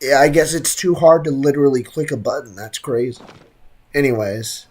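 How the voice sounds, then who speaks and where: A young game streamer gives casual live commentary on his gameplay, slangy and sarcastic, joking and often repeating his phrases. His voice is medium-pitched and darkish in tone, at a moderate pace. Video game music plays behind him.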